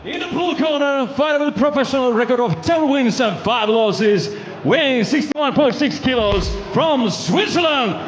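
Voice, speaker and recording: A man's voice: extremely high pitch, animated. A man working as a ring announcer, formally introducing fighters and drawing out their names in boxing-announcer style. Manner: formal, drawn-out shouted names. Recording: noisy arena with crowd.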